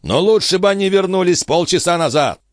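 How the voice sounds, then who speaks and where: A man's voice: sits high, animated, fairly quick, no echo, studio quality, pitched above the performer's own voice. A man voicing a hot-tempered, wounded male nobleman who curses and barks orders. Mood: irritable. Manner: blustering, gruff.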